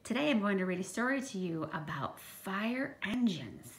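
Very animated, a woman teacher with a mid-range voice reads a picture book to young children at normal speed. Her storytime is emphatic and geared to kids, sprinkled with questioning, explanatory asides.

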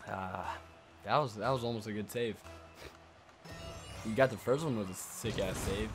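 A young man giving casual, excitable commentary while playing a game, swearing and shouting at plays. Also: fairly low pitch, normal speed, music in the background. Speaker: gameplay streamer.

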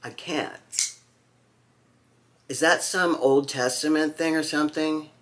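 A man's voice: on the high side, fairly even intonation, slow, fairly bright tone. A man reviewing knives at home in a casual vlog, wry and campy with chatty asides. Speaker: knife reviewer.

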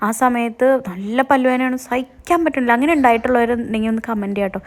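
A woman's voice: fairly high pitch, fast. A woman, talking through a casual vlog while in pain after a tooth extraction, chatty and adding tag words as she goes. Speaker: vlogger.

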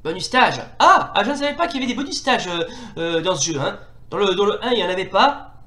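A man commentating excitably as he plays a retro fighting game, often exclaiming and repeating himself. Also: sits high, fast, echoey room. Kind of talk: playing while commentating.

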